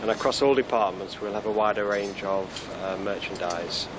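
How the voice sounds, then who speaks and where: A man in a store manager's role, giving measured, businesslike answers in an interview. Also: fairly low pitch, background noise.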